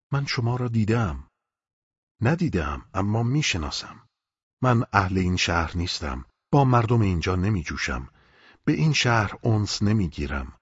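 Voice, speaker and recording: A lonely stranger begs earnestly to be taken along, as a male audiobook reader gives him voice. The voice is low and husky, and the sound is dry and dull. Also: no room sound. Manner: earnest, pleading. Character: lonely, pleading stranger longing to leave town. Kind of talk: audiobook character reading.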